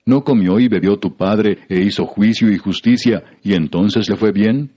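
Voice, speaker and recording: A man giving a measured, solemn scripted Bible reading, heard through a muffled radio broadcast. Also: fairly low pitch, dark tone. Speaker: scripture reader.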